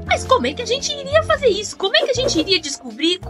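A woman's voice: very high-pitched, very animated, fast talker, over music. A woman voicing a nervous but sassy young schoolgirl in a children's game story, chatty and exclamatory.

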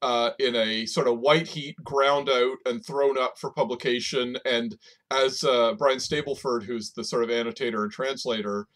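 A man's voice: mid-range voice, steady tone, normal speed, a bit bright. A man co-hosting a podcast, talking casually with many fillers and restarts and laughing easily. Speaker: podcast co-host. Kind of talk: casual chat.

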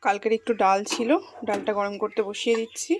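A woman with a mid-pitched voice chats casually to her viewers as she narrates her morning at home, much of it from her kitchen. Her manner is homely and direct, and faint room noise sits under her voice. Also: level tone, fast. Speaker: vlogger.

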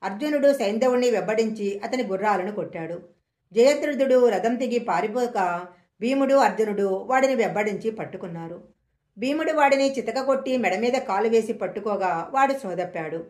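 A woman storyteller slowly reading an old mythological story aloud in a measured way, recorded in an echoey room. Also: on the high side, animated, darkish tone.

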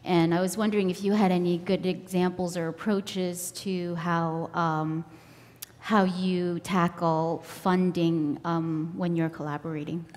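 A woman in her thirties from the audience asking a measured question with some fillers at a table microphone. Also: fairly low pitch, level tone, a little mellow. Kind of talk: conference question. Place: conference room table. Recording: long reverb of a hall.

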